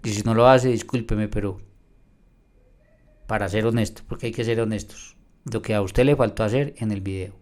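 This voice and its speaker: A man's voice: on the low side, fairly even intonation, normal speed, long pauses, darkish tone. A man teaching from the Bible in a video response. He reads verses aloud with emphasis and argues directly with another pastor. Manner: addresses a rival pastor directly.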